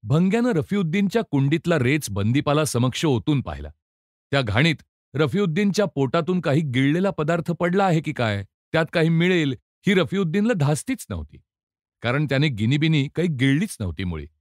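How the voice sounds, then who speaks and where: A man narrating a novel aloud in an expressive, theatrical storytelling manner. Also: fairly high pitch, fairly quick, no room sound, studio quality. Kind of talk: dramatic audiobook narration.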